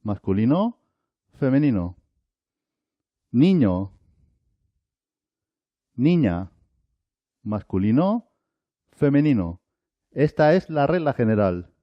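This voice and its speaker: A man teaching a Spanish lesson, drilling single words one at a time with long pauses between them. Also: mid-range voice, big pitch swings, no room sound. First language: Arabic. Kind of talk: slow, deliberate language lesson. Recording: dull, lo-fi dry recording.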